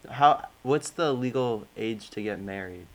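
A young man in casual chat, curious and quick with follow-up questions. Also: medium pitch, animated.

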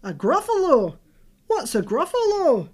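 A woman's voice: high-pitched, wildly swooping pitch, measured pace, voice pushed up, exaggerated voice. A woman voicing an eager, hooting owl in a children's storybook, with an exaggerated manner. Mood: inviting.

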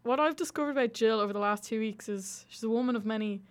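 A woman's voice: a little high, fast. A young woman in her twenties, co-hosting a casual chat in an upbeat, encouraging way. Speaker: co-host.

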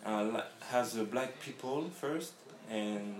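A man who grew up in France, a guest in a casual interview, talking haltingly and searching for his words. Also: on the low side, slight background noise. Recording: roomy echo.

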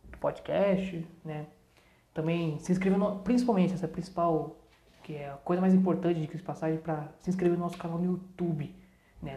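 A woman's voice: deep voice, dark tone. A woman with a Brazilian Portuguese accent hosting a podcast in casual, slangy, rambling talk full of asides. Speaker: podcast host. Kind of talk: casual chat with channel announcements. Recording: roomy, echoing sound.

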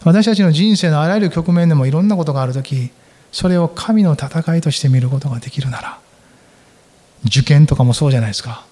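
A man preaching a sermon, swinging between loud emphatic lines and soft near-whispers. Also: a little high, quick pace. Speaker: pastor. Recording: long reverb of a large hall.

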